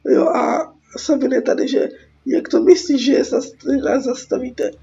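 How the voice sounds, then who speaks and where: A Czech woman, a gaming YouTuber who is sick with a cold, gives casual, sweary game commentary, reading dialogue aloud and reacting with exasperation. Her voice sits high and warm, with vocal fry. The mic sounds muffled, and there's background noise.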